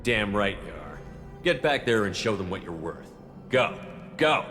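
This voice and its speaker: Commander Shepard, low-voiced blunt soldier. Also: male voice, big pitch swings, unhurried. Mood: goading. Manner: direct, commanding. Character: tough, blunt male military commander, moral and commanding. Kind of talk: video game voice acting. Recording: reverberant hall, faint music behind. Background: faint music.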